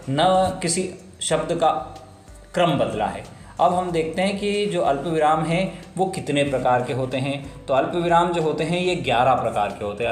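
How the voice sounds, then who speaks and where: A man teaching a grammar lesson, explaining slowly and repeating phrases for emphasis. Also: fairly high pitch. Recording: roomy echo with faint music.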